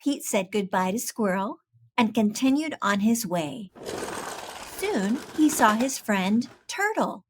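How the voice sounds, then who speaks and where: A woman's voice: on the high side, very animated, slow, a little hiss or hum. A woman reading a children's picture book aloud, expressively and with careful enunciation. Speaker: storybook reader.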